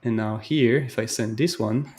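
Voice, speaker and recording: A man's voice: medium pitch, normal speed, a little mellow. Chatty man thinking aloud while coding. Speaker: live stream host. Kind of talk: casual coding walkthrough.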